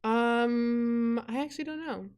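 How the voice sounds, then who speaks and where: A woman's voice: fairly high pitch, a little slow, darkish tone, smooth. A young woman co-hosting a laid-back podcast. She talks in an upbeat, chatty way and laughs often. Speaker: podcast co-host. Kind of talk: casual podcast chat.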